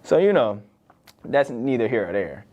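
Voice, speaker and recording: A man's voice: mid-range voice, very animated, normal speed, darkish tone. A young man, a podcast host from Virginia, talking in a loose, conversational solo monologue full of "like" and "right?". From born in the UK, raised in Virginia.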